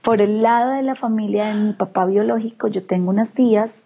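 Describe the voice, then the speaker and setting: A woman's voice: medium pitch, fairly quick, creaky, husky, lo-fi sound. A woman from the Antioquia region of Colombia with a paisa accent, telling a personal family story as an interview guest and acting out what her relatives said. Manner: animated, acts out quoted relatives.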